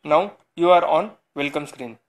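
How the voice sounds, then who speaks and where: A man's voice: a little high, a little slow. A man hosting a phone tutorial, giving short step-by-step instructions. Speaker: tech channel host.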